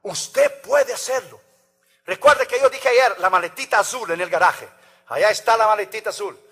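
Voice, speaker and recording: High-voiced man preaching with fervor. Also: normal speed, slightly rough. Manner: emphatic preaching, swings between loud calls and soft asides. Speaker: pastor. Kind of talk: sermon.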